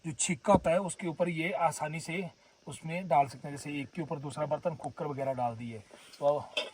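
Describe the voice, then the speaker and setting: A man's voice: on the high side, steady tone, moderate pace, darkish tone, breathy edge, distant mic. A man from Himachal Pradesh with a Himachali accent, chatting casually to his viewers while filming at a herders' camp in the forest. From Himachal Pradesh, India. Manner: chatty, addresses viewers as friends and brothers. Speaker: vlogger. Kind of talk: casual vlog narration.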